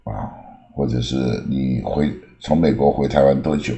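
A man, older, teaching English words in a slow explanatory lesson with frequent filler sounds and drawn-out example words. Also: rumbling low, creaky, dark tone, highs cut off. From Taiwan.

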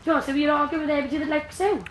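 High, rapid-fire woman. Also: fairly even intonation. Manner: defensive, dismissive, talks over others. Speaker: reality show contestant. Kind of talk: heated argument. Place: indoor room of a reality show house. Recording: echoey room with some noise.

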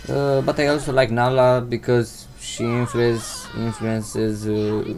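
A hesitant Romanian teenage boy hosts a casual Q&A vlog from home, seated in a gaming chair and answering viewer questions into a desk microphone. His medium-pitched, slightly mellow voice is flat and slow, full of uh fillers and non-native English phrasing.

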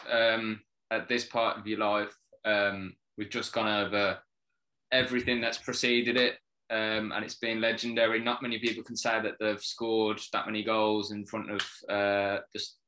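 Male host with a bright, forceful voice who stumbles over questions full of fillers. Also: lowish voice. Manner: hesitant, many fillers, constant agreeing. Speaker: interview host. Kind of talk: casual interview chat.

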